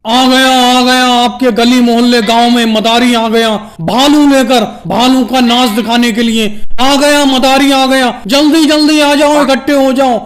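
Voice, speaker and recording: A brash street showman with a dancing bear, played by a man hawks to the village crowd in a very high, squeaky cartoon voice. He answers requests with curt, bossy retorts, and the whole figure stays comic and cocky. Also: fairly even intonation, a little slow, hardly any pauses. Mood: hawking. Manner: loud hawking calls, brusque retorts.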